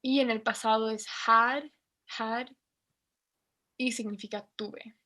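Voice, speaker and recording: A woman's voice: a little high, fairly even intonation, slow, sharp tone. A woman with a Mexican Spanish accent, teaching a basic English lesson and patiently spelling out pronunciation. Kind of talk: online class lesson.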